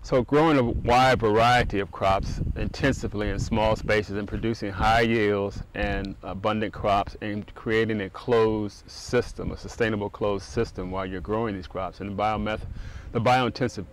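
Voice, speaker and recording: Low-voiced man explaining farming methods outdoors. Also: fairly even intonation, moderate pace, a little hiss or hum, poor audio. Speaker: urban agriculture center director. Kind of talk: outdoor interview. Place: outdoors on a farm, seated on a bench.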